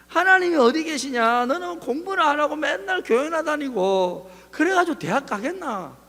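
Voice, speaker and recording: A man's voice: very high-pitched, lively intonation, moderate pace, vocal fry, sharp tone, pitched above the performer's own voice, exaggerated voice. A man acting out a mocking teenage boy classmate who jeers with scorn. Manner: jeering, scornful. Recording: reverberant church hall.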